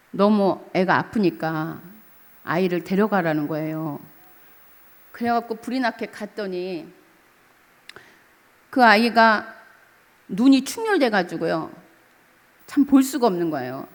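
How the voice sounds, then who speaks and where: A woman's voice: mid-range voice, long reverb tail. A middle-aged woman pastor preaching a sermon, telling a story and asking the congregation for amens. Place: church sanctuary.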